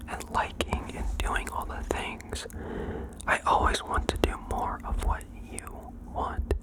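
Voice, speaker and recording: In a gentle whisper, as though letting you in on a secret, an ASMR host reads listeners' confessions aloud and tosses in playful asides. The recording is rough.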